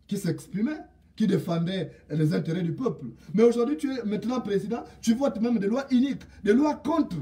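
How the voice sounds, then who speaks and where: A man from Gabon delivers an indignant political rant straight at a leader, repeating his proverbs and key lines for weight. His voice sits high yet sounds dark and mellow. He is heard from some distance off the microphone. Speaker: political commentator. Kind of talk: direct-address political rant.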